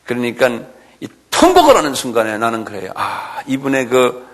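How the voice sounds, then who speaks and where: A middle-aged male pastor preaching a sermon, acting out quoted lines with shouts and often asking the congregation "예?". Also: medium pitch, huge pitch swings, normal speed. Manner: acts out quoted voices, shouting and pleading; asks the audience "예?" often.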